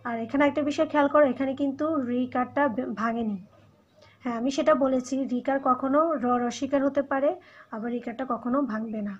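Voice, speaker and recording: A woman's voice: sits high, steady tone, brisk, breathy edge. A woman teacher with a Bangladeshi Bengali accent giving a recorded lecture, explaining step by step and repeating example words for emphasis. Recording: dull lo-fi recording.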